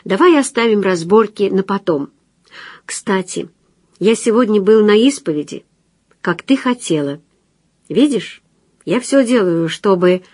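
A woman's voice: mid-range voice, expressive, measured pace, long pauses, darkish tone, no room sound, studio quality. A woman reading the lines of an earnest young man in love, pleading and insistent. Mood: coaxing.

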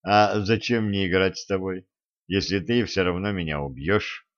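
A man's voice: low voice, steady tone, normal speed, close to an everyday voice. A man voicing a stubborn male sorcerer who protests in disbelief and exasperation. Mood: incredulous. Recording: dull lo-fi recording.

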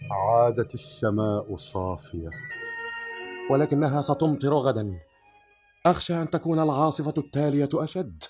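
Concerned father figure, actor, medium pitch, light music. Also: expressive, normal speed, long pauses, darkish tone, lightly acted. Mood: worried. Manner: concerned, questioning.

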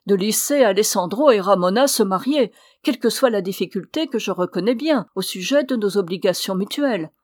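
A woman's voice: medium pitch, moderate pace, a little mellow, no room sound, studio quality, close to an everyday voice. An impulsive, pleading young man, read by a woman. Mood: urgent pleading.

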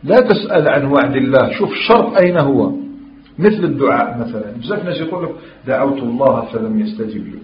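A man's voice: medium pitch, expressive, fast, a little hiss or hum. A man with an Algerian Arabic accent giving an emphatic religious lesson, quoting scripture and questioning his listeners. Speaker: religious teacher. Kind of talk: Islamic lesson in mixed Algerian dialect and classical Arabic. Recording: echoey, dull lo-fi room recording.

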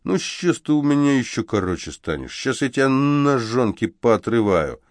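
A man voicing a brash young male street thug who boasts and threatens in a loud, drawling voice. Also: medium pitch, sing-song, moderate pace, no room sound, pitched above the performer's own voice, lightly acted. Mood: threatening.

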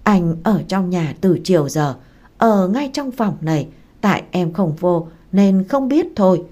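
A woman's voice: on the low side, expressive, a little slow, mellow. A woman voicing a drunken, stubborn ex-husband who pleads and insists. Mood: pushy.

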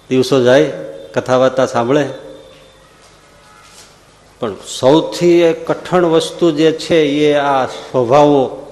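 Monk preaching in an echoing hall. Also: male voice, medium pitch. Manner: folksy storyteller, rising to animated exclamations. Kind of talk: storytelling sermon. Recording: echoey long hall reverb.

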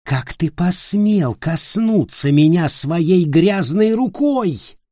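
A man voicing a cruel, arrogant tall boy lord in an audiobook, shouting and hissing in fury. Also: medium pitch, sing-song, slow pace, husky, no echo, clean studio sound, heavily acted. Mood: raging. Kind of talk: audiobook character voice.

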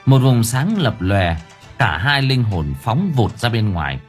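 Male voice, audiobook narration, animated pitch, faint background music. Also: a little slow. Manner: vivid, expressive storytelling. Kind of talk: dramatic story narration.

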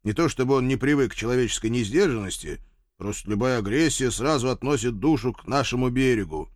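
A man's voice: medium pitch, fast talker, dry recording, studio quality. A man reading a first-person audiobook in a wry, sardonic way. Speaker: audiobook narrator.

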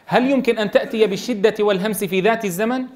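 A man teaching Quran recitation to a class, quizzing students and sounding out letters slowly. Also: sits high. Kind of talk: classroom tajweed lesson.

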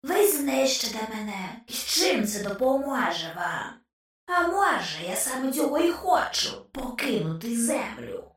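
A woman's voice: fairly high pitch, sing-song, measured pace, reverberant, far from the mic. A woman voicing a mocking male ghost trapped in a skull, in a whispered role-play full of sarcasm. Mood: scornful. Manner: sneering, sarcastic.

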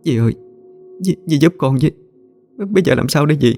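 A man's voice: lively intonation, a little fast, darkish tone. A man voicing a frightened young pregnant woman who begs tearfully in a raised voice. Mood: pleading. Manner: high, tearful begging.

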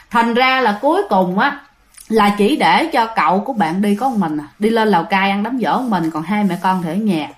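A woman narrates a ghost story in a relaxed, chatty way. Her voice sits a little high, and she keeps turning to her listeners with fillers and asides. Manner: chatty, addresses listeners directly, many fillers.

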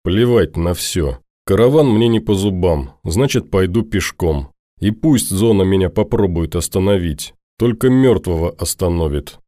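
A worn-out, bitter male deserter with a low, dark, mellow voice, curt and grim, as the storyteller reads him. The sound is close and dry, with no room at all. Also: lively intonation, moderate pace, dry recording. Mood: weary.

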